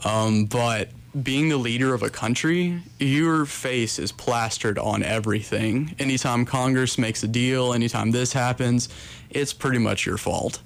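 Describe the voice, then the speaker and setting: A man's voice: mid-range voice, a little slow, creaky. A young adult man with an American accent giving casual, earnest, rambling answers as an interview guest, with some hesitation. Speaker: interview guest, coffee shop worker. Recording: noticeable background noise.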